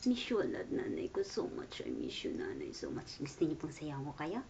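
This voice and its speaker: A young Filipino woman in her twenties with a Filipino accent, sending a playful, affectionate birthday video message to her mother while away from home and often dropping to a soft whisper. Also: low voice, huge pitch swings, normal speed, vocal fry. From Philippines. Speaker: daughter working away from home. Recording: dull lo-fi recording with faint noise.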